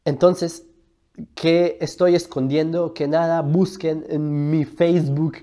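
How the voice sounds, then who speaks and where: Taking it slowly in a level, dark-toned voice of fairly high pitch, a Colombian religion video host argues his point. His explainer monologue is emphatic and full of rhetorical questions, recorded on a lapel mic in a studio.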